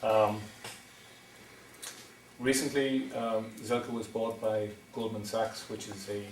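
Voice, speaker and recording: Slow and fairly even in intonation, a low-voiced middle-aged man from County Wexford, Ireland, presents for a wind energy developer at a town meeting. He hesitates often, with ums and restarts. The echoey hall sounds distant, and there's a little hiss or hum.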